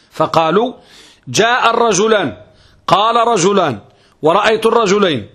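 A man giving a grammar lecture as a religious teacher, asking rhetorical questions and repeating key phrases. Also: on the high side. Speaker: Islamic scholar teaching Arabic grammar. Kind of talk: classroom lecture.

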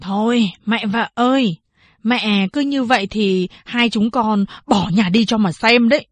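A woman's voice: on the high side, measured pace, no echo. A woman voicing a brash drunk young man who slurs and drawls his words. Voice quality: slurred, drawling.

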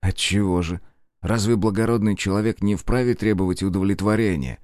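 A man voicing a cold, cruel gentleman with a slow, smirking drawl. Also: lowish voice, dry recording, studio quality, close to an everyday voice. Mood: snide.

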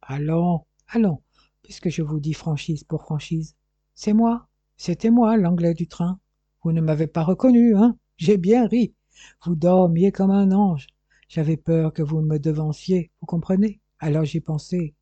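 Audiobook: brash English detective, boastful and loud, read by a man, husky dark tone. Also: on the high side, a little slow, no echo, lo-fi sound.

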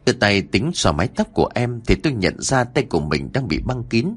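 Guy telling a scary story, kinda low husky voice, soft music behind. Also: big pitch swings, brisk. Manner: dramatic storytelling. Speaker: narrator. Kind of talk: horror story narration.

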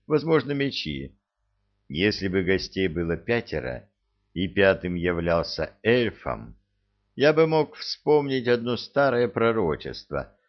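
A man voicing a worried, learned male mage rector who speaks in a grave, deliberate way. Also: fairly low pitch. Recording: dull lo-fi recording.

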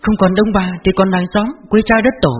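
A man voicing a sharp-tongued young woman, a scornful daughter-in-law, with a shrill and cutting manner. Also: steady tone, a little fast, husky. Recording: dull lo-fi audio with faint music.

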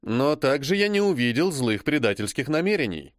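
Lively man narrating an audiobook. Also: medium pitch, no echo, clean studio sound. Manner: calm, measured reading. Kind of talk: first-person novel narration.

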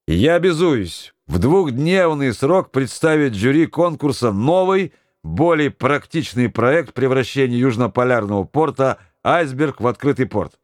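A man voicing a confident young sailor who speaks in a measured, ironic, firm way. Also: mid-range voice, expressive, dry recording, clean studio sound, voice pushed up, natural voice.

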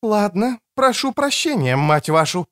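A man's voice: high-pitched, very animated, measured pace, fairly bright tone, no room sound, clean studio sound, pitched above the performer's own voice, exaggerated voice. A man voicing a brash, sarcastic woman doctor who swears and mocks. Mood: mocking. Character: brash mocking older woman doctor, Kretsia.

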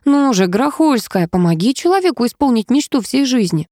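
A woman voicing a cheeky, calm young man who teases his companion, in an audiobook reading. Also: fairly high pitch, moderate pace, no echo, studio quality, pitched above the performer's own voice. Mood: calm teasing.

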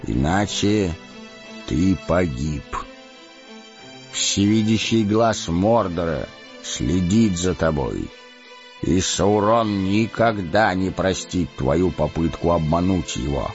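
A male narrator voicing a stern, wise old male wizard who speaks in a booming, deliberate way. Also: expressive, a little mellow, exaggerated voice. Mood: grave warning. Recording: dull lo-fi audiobook with faint music.

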